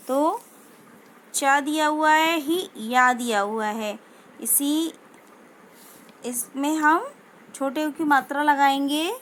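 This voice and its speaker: High-voiced woman teacher. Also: fairly bright tone, slight background noise. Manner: slow, drawn-out pronunciation of each word, repeating it twice. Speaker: school teacher. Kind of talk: teaching a children's Hindi lesson.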